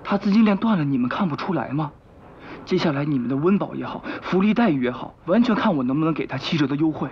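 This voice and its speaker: A man's voice: a little high, animated, fast. An actor playing a scheming, self-pitying male client in a comic drama, bossy, indignant and theatrical. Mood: domineering. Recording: muffled, slightly noisy soundtrack.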